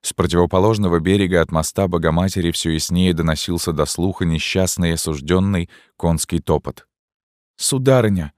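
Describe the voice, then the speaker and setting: Deep-voiced male audiobook narrator. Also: no room sound, clean studio sound. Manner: measured, steady storytelling. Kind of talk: scripted narration.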